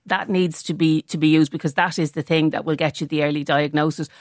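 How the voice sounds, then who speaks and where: A woman's voice: sits low, fairly even intonation, brisk, no room sound, clean studio sound. A woman giving considered views as a guest in a radio discussion. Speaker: panel guest.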